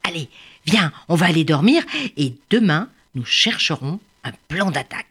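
A woman voicing a small, clever male bird who speaks in a low, calm, reassuring way. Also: moderate pace, breathy edge, exaggerated voice.

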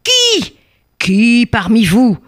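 A woman's voice: fairly low pitch, lively intonation, normal speed, no echo, studio quality, natural voice. Woman doing a raging proud king. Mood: furious. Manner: shouting, indignant.

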